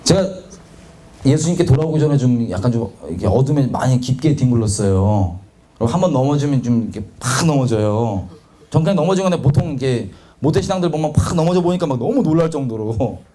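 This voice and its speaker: A young man preaching a sermon, telling his own story in a confessional, animated way and acting out quotes. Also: mid-range voice, fast.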